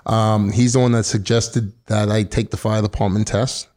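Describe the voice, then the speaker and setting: A man's voice: fairly low pitch, level tone, normal speed, darkish tone. A man in his early fifties with a Queens, New York accent, chatting casually as an interview guest. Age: early 50s. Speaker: guest, firefighter and actor.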